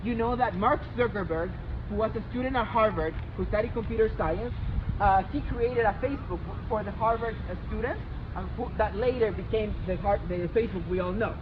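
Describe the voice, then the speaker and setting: A man's voice: sits high, fairly quick. A young man from Chile with a Chilean accent, a student earnestly explaining things while walking outdoors on a college campus. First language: Spanish. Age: young adult. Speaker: student tour guide. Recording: tinny phone-like audio with loud outdoor traffic noise.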